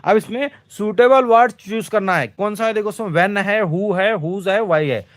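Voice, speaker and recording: A high-voiced male teacher goes through exam questions, posing each one and answering it himself with lots of fillers. He slows way down to read English lines word by word and repeatedly urges viewers to comment quickly.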